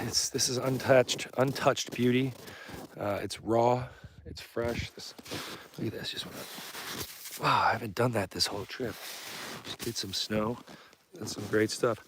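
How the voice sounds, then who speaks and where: Outdoors on the snow and ice of an Antarctic camp, a filmmaker live-streams a casual, rambling vlog, informal and self-deprecating as he drifts from thought to thought. His mid-range voice has fairly even intonation and an unhurried pace with long pauses. Clear outdoor background noise is audible.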